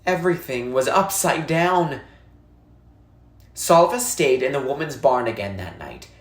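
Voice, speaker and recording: Reading from a children's novel, the narrator tells the story in an expressive yet measured way. Their voice sits in the mid range, and the sound of the room is echoey and spacious.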